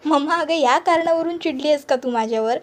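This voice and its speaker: A woman's voice: high-pitched, fairly quick, a little hiss or hum, lightly acted. A woman voicing a busy young male doctor who placates his mother. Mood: placating.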